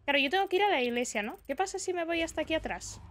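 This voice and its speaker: A woman's voice: very high voice, animated, racing, fairly bright tone. A young woman from Spain with a Spanish accent, chatting casually through live gameplay commentary and breaking into shrieks and swearing when she gets startled. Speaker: streamer.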